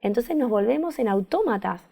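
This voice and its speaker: Gravelly-voiced Argentine woman therapist. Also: on the high side, animated, normal speed, mellow. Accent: Rioplatense Spanish. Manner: thoughtful, searching for words, repeats phrases. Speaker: therapist guest. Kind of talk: reflective conversational interview.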